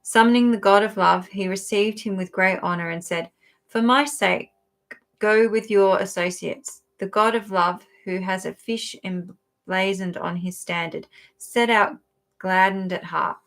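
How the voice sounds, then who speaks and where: A woman co-hosting a podcast, reading a sacred text aloud in a steady voice and pausing to stumble over unfamiliar words. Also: medium pitch. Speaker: podcast co-host.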